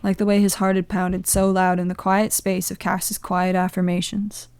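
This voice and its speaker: A woman reading a story aloud as narrator, in a gentle, measured way. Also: mid-range voice, little pitch movement, clear, resonant tone, no room sound, studio quality. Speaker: podfic reader. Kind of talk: scripted narration.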